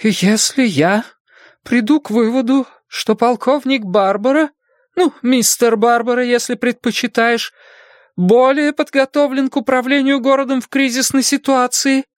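Man putting on a shrill flustered town official woman. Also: steady tone, measured pace, no room sound, studio quality. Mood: anxious. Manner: high, shrill and indignant. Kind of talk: audiobook character voice.

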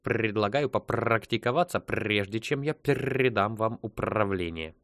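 A man voicing a polite, unhurried male ship computer that talks in a slow, measured, dutiful way. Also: on the low side, creaky, a bit bright, dry recording, clean studio sound.

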